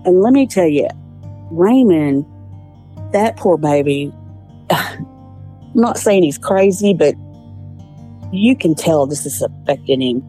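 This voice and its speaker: Woman, weary, halting, low mellow voice. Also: animated, faint music behind. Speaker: mother of the accused family. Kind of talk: casual interview talk.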